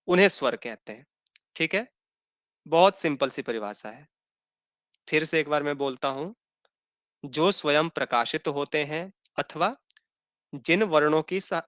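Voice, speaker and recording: A Sanskrit teacher, male, leads an online language class in a fairly high, pushed and bright voice with a clean tone, recorded dry. He patiently and slowly repeats definitions for students to write down, often checking in with "thik hai" and "hai na".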